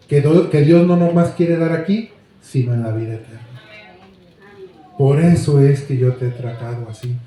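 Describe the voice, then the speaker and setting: A woman's voice: a bass voice, mellow. A man voicing a patient, devoted wife, speaking tenderly. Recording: very echoey room.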